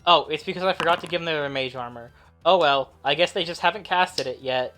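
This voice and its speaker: A laid-back man acts as game master for a tabletop game, chuckling between rulings. His voice is bright and forward, with soft music under the session. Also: a little high. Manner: laid-back, laughs often, quick asides. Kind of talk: running a tabletop game, casual chat.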